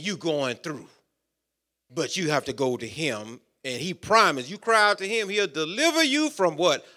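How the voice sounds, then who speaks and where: Preacher, male, high bright voice, rhythmic repetitive delivery. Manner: rhythmic, repetitive preaching with call-outs to the congregation. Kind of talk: sermon.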